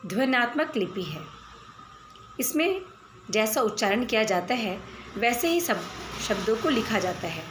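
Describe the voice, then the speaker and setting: A woman teacher giving a school spelling lesson, reading word pairs aloud with careful, clear enunciation. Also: mid-range voice, slight background noise. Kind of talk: slow, deliberate Hindi lesson. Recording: echoey room with faint background ambience.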